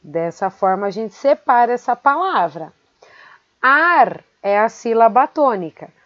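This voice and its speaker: A woman teaching a grammar lesson, speaking slowly and carefully and repeating words syllable by syllable. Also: on the high side, big pitch swings, fairly bright tone, no room sound. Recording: dry, dull lo-fi sound.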